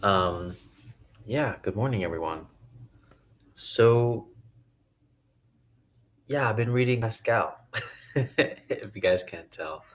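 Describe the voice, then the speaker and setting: A man musing casually to camera about philosophy, hesitant and thinking aloud with many pauses and restarts. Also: on the low side, lively intonation. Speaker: video essayist.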